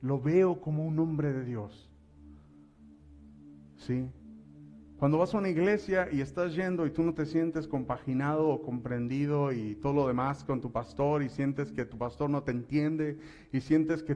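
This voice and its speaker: A man preaching a sermon as pastor, asking his listeners direct questions and building up to loud, emphatic passages. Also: muffled recording. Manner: rises to loud, high-pitched preaching at climaxes.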